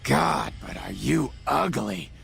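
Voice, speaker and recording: A surly game character who fancies himself a ghoul. His voice is an extremely gravelly smoker's rasp, curt and contemptuous, with faint music underneath. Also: medium pitch, wildly swooping pitch, slow pace, full character voice. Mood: disgusted. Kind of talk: video game character dialogue.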